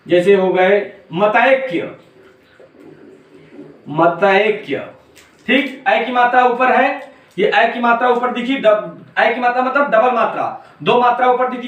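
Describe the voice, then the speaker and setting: A man teaching an exam-prep grammar lesson with a very high-pitched voice. He drills each point over and over, addressing students fondly as "beta". The recording is roomy and echoey, with the mic set some distance away. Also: fairly bright tone.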